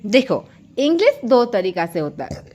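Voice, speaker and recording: A young woman from India teaches an online grammar lesson with a high, animated voice that swoops up and down. She explains word pairs patiently and calls her viewers children. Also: moderate pace. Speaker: English teacher.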